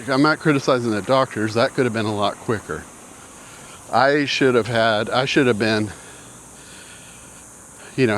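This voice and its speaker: A man's voice: on the low side, fairly bright tone. A man in his sixties telling a personal story in a casual, rambling way, out of breath and often repeating himself. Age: 60s. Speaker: vlogger. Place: outdoors with mountains in view.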